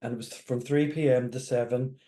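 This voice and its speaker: A man's voice: medium pitch, fairly even intonation, brisk, warm tone. A man interviewing someone in a casual, conversational way. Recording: echoey room.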